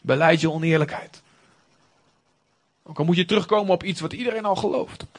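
An earnest male preacher delivers a sermon in a conversational, emphatic way. His voice sits a little higher than most men's. He speaks with warm directness to his listeners. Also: a little fast.

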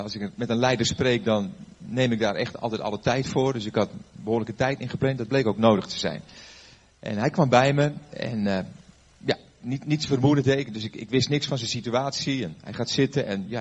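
Older male pastor with a husky voice, chatty storytelling sermon, dull lo-fi recording. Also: medium pitch. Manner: conversational storytelling with fillers and questions to the audience. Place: before a live audience.

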